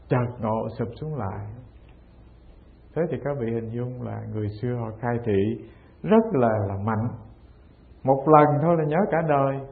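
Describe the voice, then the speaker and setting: A man, a Buddhist teacher giving a Zen dharma talk and acting out the dialogues of old masters as he tells their stories. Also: mid-range voice. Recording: tinny phone-like sound.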